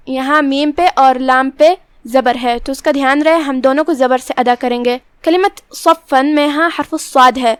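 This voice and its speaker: High-voiced woman teaching tajweed. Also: dry recording. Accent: Pakistani Urdu. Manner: measured, instructive, stretches out recited words. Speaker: Quran recitation teacher. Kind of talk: tajweed lesson, explaining rules word by word.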